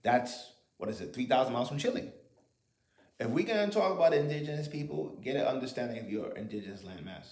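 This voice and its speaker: A man delivers an argumentative monologue in a loose, casual style, piling up rhetorical questions and dropping the occasional curse. His voice sits in an ordinary middle pitch. The recording sounds roomy, with noticeable echo off the walls. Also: expressive, fast, darkish tone. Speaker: commentator.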